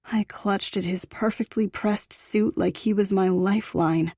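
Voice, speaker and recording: Slow intimate woman audiobook narrator. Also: mid-range voice, fairly even intonation, mellow, dry recording, studio quality. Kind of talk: first-person romance audiobook narration.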